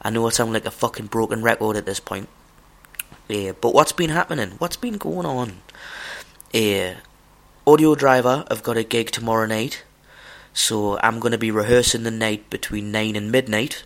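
A man's voice: lowish voice, moderate pace. A man with a broad Scottish accent hosting a podcast solo, rambling casually, with a sweary, self-deprecating manner. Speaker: podcast host.

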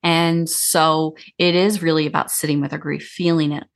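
Low-voiced woman grief counselor. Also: flat delivery, normal speed. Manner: chatty, explains in long run-on sentences. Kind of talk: casual interview talk.

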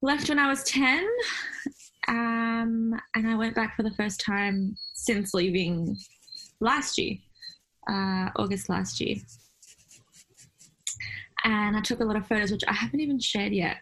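A woman's voice: medium pitch, steady tone, a little slow, long pauses, a bit bright, low-quality recording. A woman from Iraq, a photographer guest, talking in a casual interview in a chatty, reflective way with frequent fillers and laughs.

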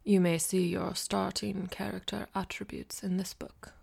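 A woman reading an audiobook, voicing a formal male talking cat who guides a game, in a soft, half-whispered voice. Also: mid-range voice, flat delivery, a little slow, gravelly, husky, full character voice. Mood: explaining. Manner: precise, formal and quietly dry.

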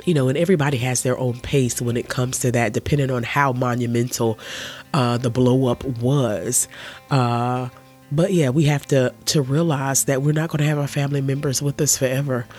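A man with a cold talks through his podcast, his voice nasal and stuffed-up. His pitch sits in an ordinary middle range, and he offers earnest, gentle advice in an easygoing monologue. Soft music plays faintly underneath. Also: fairly even intonation, moderate pace. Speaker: podcast host. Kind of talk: casual solo podcast monologue.

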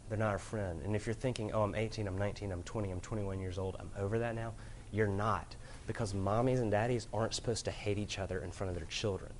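A man with a fairly low voice delivers an earnest sermon to a room full of people. He leans into loud emphasis, then drops to quiet, grave tones, and a faint hum of room noise sits under his voice. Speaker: preacher. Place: room with an audience.

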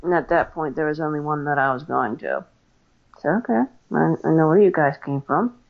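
A woman's voice: low voice, lively intonation, moderate pace, gravelly. Chatty American woman, lo-fi audio. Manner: chatty, many fillers and restarts. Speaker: paranormal investigator guest. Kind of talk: casual interview storytelling.

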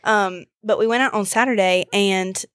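A woman chatting informally as a podcast co-host, with a slightly hoarse voice at a middle pitch. The sound is dry and close, with very little room on it. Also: moderate pace, fairly bright tone, no echo. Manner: informal, conversational. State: hoarse, voice recovering after losing it. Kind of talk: casual chat.

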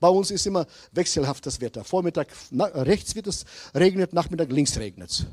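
Animated high-voiced preacher, slow and emphatic. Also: male voice, husky, no echo. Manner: slow, emphatic preaching that swings from loud to hushed. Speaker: pastor. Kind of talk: sermon.

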